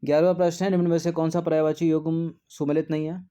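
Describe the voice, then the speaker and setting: A man with a fairly high, mellow voice goes through test questions one at a time as an exam prep teacher. He explains each answer patiently and keeps checking in with his listeners. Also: flat delivery, fast talker, clear, resonant tone. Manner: patient, repeats "theek hai" often.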